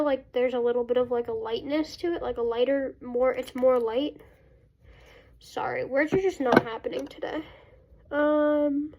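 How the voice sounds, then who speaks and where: A woman vlogging casually as a beauty vlogger, congested with a cold and breathing through her mouth, talking in a halting, self-interrupting way. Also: high-pitched, darkish tone, muffled recording. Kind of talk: casual chat to camera.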